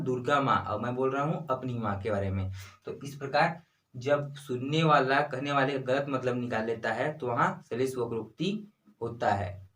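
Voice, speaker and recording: A young man teaches grammar in a channel lesson. He repeats key phrases slowly and asks questions that he then answers himself. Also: medium pitch, fairly bright tone. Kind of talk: explaining Hindi grammar to students.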